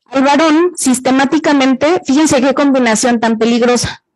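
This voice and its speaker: A Mexican woman with a high voice gives an interactive talk to students. She explains carefully, asks the room questions and repeats their answers back to them. She sounds middle-aged. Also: fairly even intonation, normal speed, low-quality recording. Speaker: university gender violence workshop speaker.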